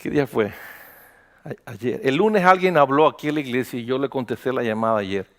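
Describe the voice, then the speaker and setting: A pastor preaches a sermon in a conversational, storytelling style, animatedly retelling events and acting out dialogue. His voice is mid-range and a little fast.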